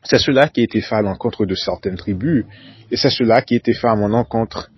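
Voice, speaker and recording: This brisk, formal solo monologue comes from a man narrating conspiracy talk in a low, husky voice. He often says whole sentences twice and spells words out one letter at a time, and the lo-fi recording sounds dull and dry, with no room sound.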